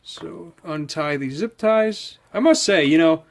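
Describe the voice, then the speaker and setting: A gravelly, fairly high-pitched male voice, expressive and a bit slow, belongs to a man hosting a video channel. He chats loosely through a product unboxing, thinking aloud as he handles things.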